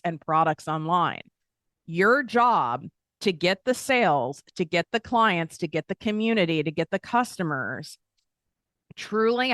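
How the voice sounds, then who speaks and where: Hosting a solo motivational podcast about business, a woman coach speaks frankly and with energy, playing out her doubting inner voices and laughing at herself. Her voice is lowish and fairly bright, captured in a dry, studio-quality recording.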